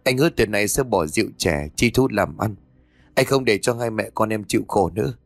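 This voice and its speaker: A man voicing a remorseful middle-aged father, low and earnest, close to his own voice. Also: fairly quick, vocal fry, no room sound, soft background music.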